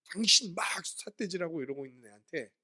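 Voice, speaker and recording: A man's voice: sits high, big pitch swings, moderate pace, a bit bright. A man preaching a sermon as pastor, asking his listeners questions and answering them himself while explaining words from the Greek Bible.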